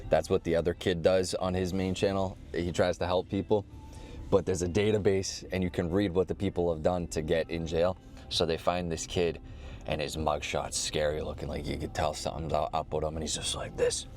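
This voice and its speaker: A man's voice: low-pitched, flat delivery, a little fast, a little mellow, soft background music. A man chatting casually in a rambling, slangy, profane way with a laid-back stoner drawl. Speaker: vlogger.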